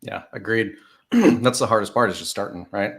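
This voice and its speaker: Male host, hoarse, lowish voice, plainspoken and encouraging, frequent throat-clearing. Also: normal speed. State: hoarse, losing his voice. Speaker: podcast host. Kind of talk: casual conversational interview.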